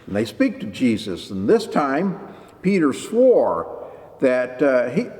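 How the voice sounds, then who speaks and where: A man preaching a sermon as pastor, lively and expressive, briefly acting out the people he quotes. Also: mid-range voice, takes it slowly, in a large hall.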